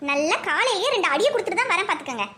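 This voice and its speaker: A woman's voice: extremely high pitch, sing-song, rapid-fire, noisy background. A woman voicing a hot-tempered young husband in a cartoon, with a Kanyakumari Tamil accent, grumbling indignantly.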